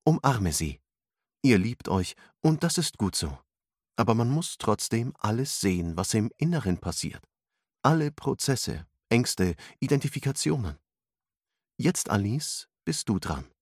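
A man voicing a calm female mentor who gives firm, encouraging instructions, read as part of a storybook narration. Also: medium pitch, a little slow, breathy edge, dry recording, studio quality, pitched above the performer's own voice, full character voice. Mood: instructive. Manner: instructive, commanding.

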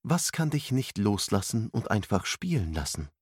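A composed female mentor in a storybook, giving firm and encouraging instructions, as a male reader puts her on. The voice sits low with wide, expressive intonation. The sound is close and dry. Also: moderate pace, husky, no echo, full character voice. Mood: instructive. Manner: instructive, commanding.

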